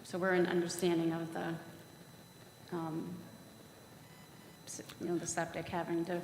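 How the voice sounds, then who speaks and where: A woman speaking as an applicant before a planning board, conversational and halting, often restarting her sentences. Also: on the low side, monotone, a little mellow. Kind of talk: answering questions at a public meeting. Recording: echoey hall, faint noise.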